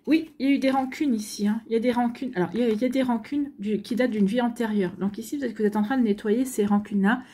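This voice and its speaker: A woman giving an intuitive card reading, speaking to the listener in a gentle, reassuring, guiding manner with a slightly husky voice. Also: on the high side, fairly even intonation, fast talker, few pauses. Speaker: tarot card reader.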